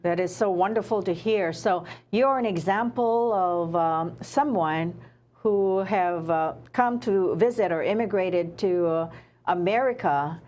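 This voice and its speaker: A woman hosting a talk show, speaking hesitantly with frequent pauses as she interviews a guest. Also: lowish voice. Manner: hesitant, many uh fillers, warm praise. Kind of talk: casual interview.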